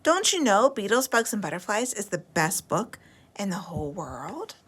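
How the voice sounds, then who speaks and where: An excitable little girl pleads in a sing-song, insistent way, as a woman puts her on for a storybook. The voice swoops high and lively with a bright edge. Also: normal speed, slight background noise. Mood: insistent pleading.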